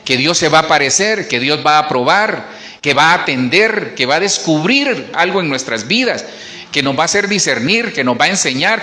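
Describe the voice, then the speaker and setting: A man preaches to his congregation in a loose, conversational way, breaking off for asides and restarts. His voice sits a little high and bright, and its pitch swings widely as he makes his points. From Colombia. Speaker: pastor. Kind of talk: sermon. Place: church.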